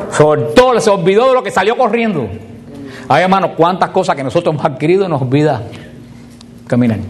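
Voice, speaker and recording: A man's voice: on the high side, a little hiss or hum. A man preaching to a group about prayer, often asking them a question and then answering it himself. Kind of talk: teaching talk on prayer.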